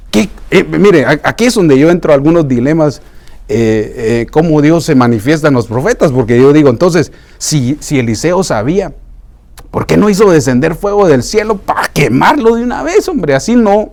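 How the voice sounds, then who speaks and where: A man preaching a sermon, animated and conversational, with humorous asides. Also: fairly high pitch.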